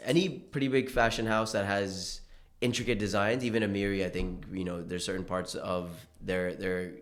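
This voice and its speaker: A young man born in India speaks as a guest on a casual podcast, loose and rambling, with plenty of fillers and restarts. His voice sits fairly low. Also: steady tone, normal speed, a bit bright. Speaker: guest, clothing designer and brand founder.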